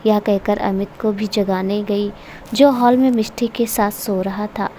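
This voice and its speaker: A woman narrating an emotional family story in a steady, emotive reading style. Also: mid-range voice, measured pace, a little hiss or hum.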